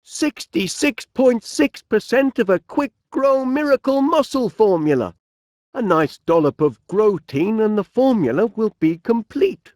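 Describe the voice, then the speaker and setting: Voicing a cheery, eccentric middle-aged inventor in a cartoon video game, a man uses a Northern English accent and a dotty, genial, musing manner. His voice sits high and a little mellow, recorded as clean studio sound with no echo.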